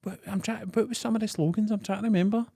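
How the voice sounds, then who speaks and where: A Scottish man co-hosting a podcast in casual comic banter, animated and freely swearing. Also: high-pitched, quick pace, gravelly, no echo, studio quality. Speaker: podcast co-host.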